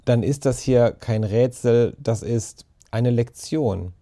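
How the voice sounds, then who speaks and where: A man's voice: medium pitch, slow, mellow. A man doing a logical, tech-minded boy. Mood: reasoning. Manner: matter-of-fact, reasoning.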